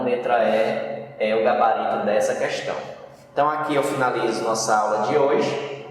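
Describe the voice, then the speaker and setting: A man with a Brazilian Portuguese accent teaching a recorded grammar lesson in a didactic way, often checking in with short tag questions. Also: mid-range voice. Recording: echoey room, voice from a distance, faint noise.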